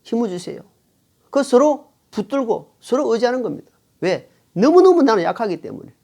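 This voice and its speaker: Lively, emphatic male pastor. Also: extremely high pitch, fairly quick. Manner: emphatic, repeats phrases for stress; reads scripture aloud to the congregation. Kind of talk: sermon.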